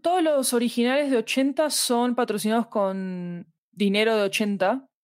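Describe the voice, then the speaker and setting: A woman's voice: on the high side, fairly even intonation, normal speed, no echo, clean studio sound. A woman explains her work conversationally in an interview, reflectively searching for precise words. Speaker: podcast fiction producer, interview guest.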